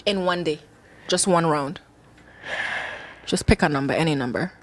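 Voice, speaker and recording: A woman's voice: sits low, normal speed. Giggly woman radio co-host. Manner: chatty, giggly, self-deprecating. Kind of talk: casual radio chat. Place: radio studio. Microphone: studio microphone.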